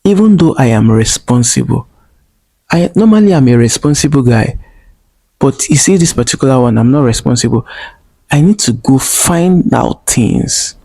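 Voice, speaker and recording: A man's voice: medium pitch, animated, moderate pace, vocal fry, warm tone. A man telling a personal story in a vlog, earnest and emotional, repeating phrases and speaking straight to viewers. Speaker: vlogger.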